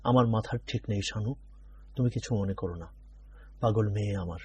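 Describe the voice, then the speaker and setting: A man voicing a stern, short-tempered middle-aged father who scolds gruffly. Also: fairly low pitch, normal speed, darkish tone, slight background noise, natural voice. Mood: weary muttering.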